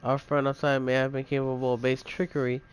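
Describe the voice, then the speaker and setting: A man voicing a pompous, scheming master of a gambling town in a video game, haughty and halting. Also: mid-range voice, little pitch movement, a little hiss or hum, natural voice. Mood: indignant, defensive.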